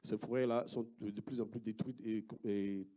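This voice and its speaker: A man with an Ivorian French accent presents his research to an audience, walking through slides. His voice sits at an ordinary pitch but sounds dark and mellow. He talks haltingly, stopping often to fill gaps and restart his sentences. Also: steady tone. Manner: halting, many fillers and restarts. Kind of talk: academic talk with slides.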